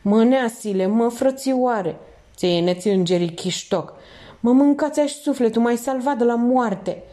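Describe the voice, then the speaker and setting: A woman's voice: mid-range voice, mellow, lightly acted. A woman voicing a panicky young male thief who talks in street slang, pleading and jittery, in an audiobook.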